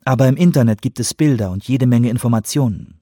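A man's voice: mid-range voice, fast talker, dark tone, no echo, clean studio sound, natural voice. A man voicing a friendly, talkative woman working at an airport counter, for an audiobook. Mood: friendly chatty. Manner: cheerful, talkative.

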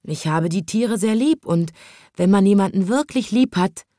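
A woman voicing a shy, gentle little man who works as a kind zookeeper, in a calm storybook reading. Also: medium pitch, normal speed, dry recording, clean studio sound, lightly acted. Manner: calm, modest, soft-spoken.

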